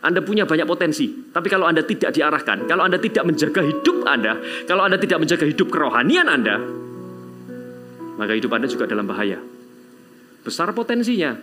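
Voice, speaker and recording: A man preaching a sermon as pastor, telling stories with sudden loud exclamations and quiet asides. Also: fairly high pitch, very animated, fast talker, music in the background.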